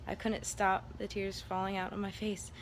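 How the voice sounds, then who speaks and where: A vlogger chats casually with her audience, rambling candidly through a personal experience. She speaks at a normal speed with a medium pitch and flat delivery, and room noise is audible in the background.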